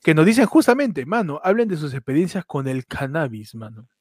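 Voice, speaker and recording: A man co-hosts a loose, joking chat, telling stories in an exaggerated, animated way. His voice sits high and swings widely in pitch. The sound is close and dry, with no room around it. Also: a little fast, breathy edge, dry recording. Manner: jokey, exaggerated, animated storytelling. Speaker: podcast co-host. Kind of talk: casual chat.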